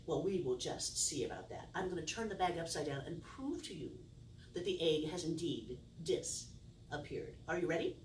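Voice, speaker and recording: A woman's voice: sits low, lively intonation, normal speed, a little mellow. A middle-aged woman performing as a kids' party magician, playful and theatrical with exaggerated wonder and mock confusion, talking to her audience. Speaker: children's magician and circus performer. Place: indoor room with a small curtained stage. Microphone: distant camera. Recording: roomy, distant camera sound with faint noise.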